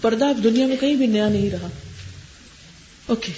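A woman religious teacher answering listeners' questions in a gentle, advising lecture. She mixes English words into her speech and often checks in with her listeners. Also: fairly high pitch. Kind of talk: Islamic advice lecture. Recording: dull lo-fi recording with faint hiss.

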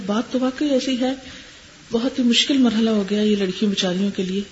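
Woman, religious lecturer answering questions; gentle and advising, mid-pitched, on a dull lo-fi tape with faint hiss. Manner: gentle, advising, often checks in with listeners; mixes English words into speech. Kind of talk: Islamic advice lecture.

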